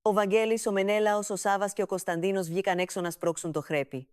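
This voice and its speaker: Smooth-voiced woman narrating a comic story. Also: mid-range voice, steady tone, no echo, studio quality.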